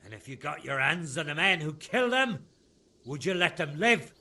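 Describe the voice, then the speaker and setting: An actor playing a furious, grieving village man who swears and shouts for revenge in a game. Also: a little high, lively intonation, normal speed, exaggerated voice. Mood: bitter. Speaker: vengeful villager.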